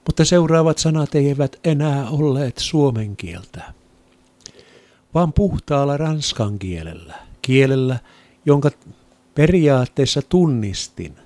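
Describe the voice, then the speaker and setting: A man giving an earnest, reflective spoken testimony of faith, sometimes dropping to a soft near-whisper. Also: mid-range voice, lively intonation, dry recording. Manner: earnest, reflective storytelling with quoted inner thoughts.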